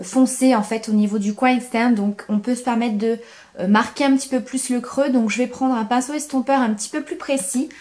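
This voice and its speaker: A young woman talking through a makeup tutorial, enthusiastic, repeating words for emphasis and pausing with frequent hesitations. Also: high voice. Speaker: beauty vlogger.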